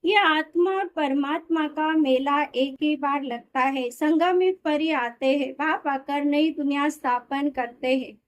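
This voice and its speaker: A woman reading a spiritual discourse aloud in a steady, explanatory way, sometimes correcting herself mid-word. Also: high-pitched, measured pace, hardly any pauses. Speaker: reader of a daily spiritual discourse.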